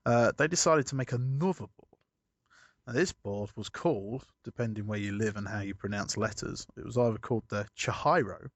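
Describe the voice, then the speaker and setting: A man's voice: fairly low pitch, brisk, no room sound, dull audio. A man chatting casually as a podcast co-host, rambling through a story and correcting himself as he goes. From United Kingdom.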